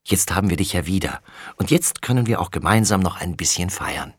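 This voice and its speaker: Ein Mann, der in einem Hörbuch eine liebevolle, besorgte Mutter spricht, mit bittendem Ton. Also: male voice, low-pitched, lively intonation, a little fast, breathy edge, no echo, studio quality. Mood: loving. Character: loving, worried mother.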